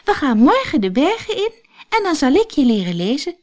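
A woman voicing Heidi, a cheerful excited little girl, in a storybook reading, speaking high, bright and eager. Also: brisk, music in the background.

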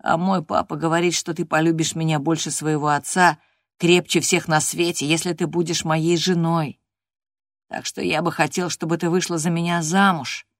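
A woman's voice: deep voice, flat delivery, normal speed, no echo, clean studio sound, natural voice. A woman reading an audiobook voices a sickly, spiteful teenage boy who whines and taunts. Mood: hopeful. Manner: whiny and taunting.

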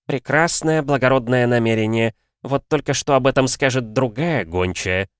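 Man doing a scheming alchemist, sanctimonious, theatrical, high put-on voice, dry sound. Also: normal speed, clear, resonant tone, dry recording, close to an everyday voice. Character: fussy scheming male alchemist, sanctimonious and mocking.

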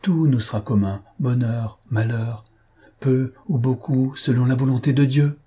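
A man reading an audiobook, voicing a devoted young woman who speaks with fervent, soft pleading. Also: medium pitch, measured pace, husky.

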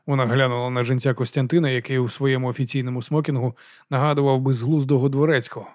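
A man narrating an audiobook with steady storytelling delivery. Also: medium pitch, quick pace, dry recording, studio quality. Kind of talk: scripted narration.

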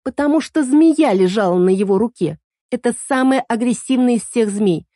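A woman's voice: on the high side, expressive, moderate pace, warm tone, dry recording, clean studio sound, voice pushed up. A woman voicing a capricious, scheming young princess with a whiny, petulant manner. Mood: anxious.

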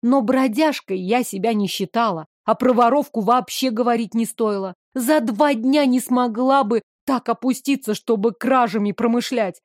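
A woman's voice: fairly high pitch, normal speed, few pauses, no room sound, clean studio sound. Woman reading a fantasy novel aloud. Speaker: audiobook narrator. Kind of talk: scripted first-person narration.

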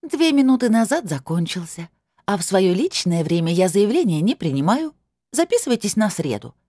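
A reader putting on a shrill spiteful young clerk. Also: very animated, normal speed, a little mellow, no echo, clean studio sound. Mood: gloating. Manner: squealing, mocking.

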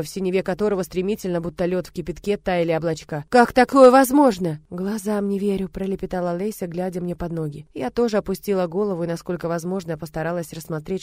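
A woman narrating a first-person fantasy novel aloud with an expressive, dramatic reading. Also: fairly low pitch, dry recording, clean studio sound. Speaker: audiobook narrator.

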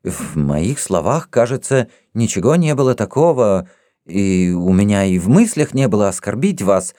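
Insolent count, sly and smooth, deep, read by a man. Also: very animated, moderate pace, mellow, no echo, clean studio sound. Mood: apologetic. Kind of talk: audiobook reading.

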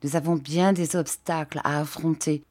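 Woman voicing a tender, earnest young lover, soft and coaxing, lowish. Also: lively intonation, unhurried, no echo.

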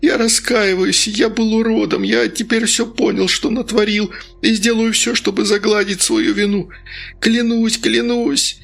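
A man voicing a terrified spoiled young rich man, begging for his life in a high, trembling wail, in an audiobook. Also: fairly even intonation, unhurried, vocal fry, a bit bright, soft background music, heavily acted. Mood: begging, desperate. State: trembling with fear.

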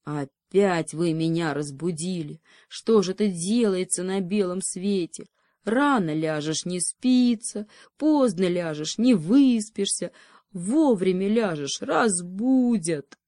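Woman doing a cranky sleepy hedgehog, grumbly, slow, storybook. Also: fairly low pitch, animated, mellow, dry recording. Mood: grumpy. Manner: grumbling, drowsy. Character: grumpy sleepy male hedgehog.

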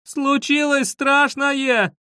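A man voicing a frightened schoolboy in an audiobook, crying out in high, panicky pleas. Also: fairly even intonation, very slow, darkish tone, dry recording, studio quality, exaggerated voice. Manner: high, panicky pleading cries. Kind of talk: audiobook reading.

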